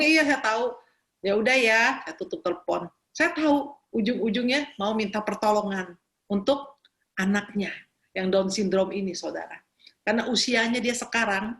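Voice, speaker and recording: A woman in her fifties, an evangelist giving a sermon with a personal testimony, telling her story with animation and acting out both sides of a phone call. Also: mid-range voice. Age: 50s. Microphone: video call.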